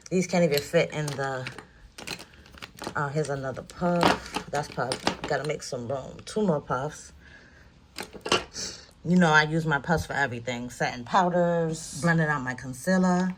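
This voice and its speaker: A woman with a New York accent, chatting casually through a makeup vlog while sorting her brushes at home, her morning voice low. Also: a little hiss or hum. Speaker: beauty vlogger. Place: home room.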